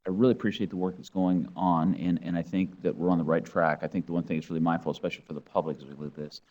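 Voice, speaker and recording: A man's voice: sits low, steady tone, rapid-fire, darkish tone, lo-fi sound. A man on a board committee giving earnest remarks in a formal meeting, repeating words as he starts his points.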